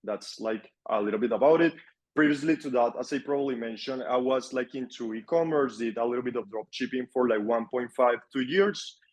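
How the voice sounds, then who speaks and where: A man's voice: mid-range voice, a little fast. Young Colombian man chatting casually. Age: young adult. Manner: relaxed, repeats words for emphasis. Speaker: guest, agency owner. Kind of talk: casual interview chat.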